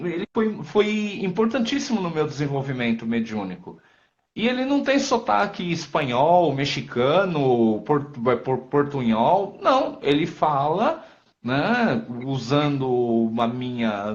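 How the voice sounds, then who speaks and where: A man with a Brazilian accent, an Umbanda priest speaking as a guest in a live-stream conversation, a lively storyteller who acts out quotes. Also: a little high. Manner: lively storyteller acting out quotes, frequent tag questions. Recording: dull lo-fi live-stream audio.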